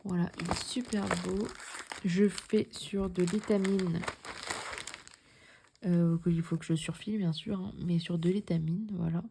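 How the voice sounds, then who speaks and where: A young woman chats through her cross-stitch projects at home in a casual vlog. Her voice sits a little low and sounds mellow and warm, and she often trails into a soft near-whisper. A faint hiss of noise runs under the recording. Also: fairly even intonation, measured pace, vocal fry. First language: French. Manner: chatty, repeats herself, drops into soft near-whispers. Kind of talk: casual show-and-tell vlog.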